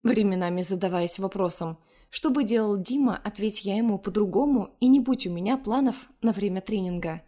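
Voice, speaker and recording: A woman reading a first-person romance story aloud in a calm, measured way. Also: medium pitch. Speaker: narrator.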